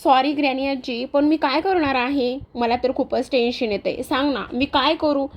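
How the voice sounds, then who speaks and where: A woman's voice: sits high, moderate pace, lo-fi sound. A woman voicing an anxious, moody young woman in a retold TV serial. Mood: pleading. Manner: agitated, pleading.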